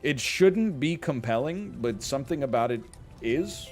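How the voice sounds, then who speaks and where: A Canadian gaming streamer casually riffs on a management game he's playing, goofy and rambling, tossing out playful exclamations. His mid-range voice is expressive, unhurried and a bit mellow, with faint music in the background.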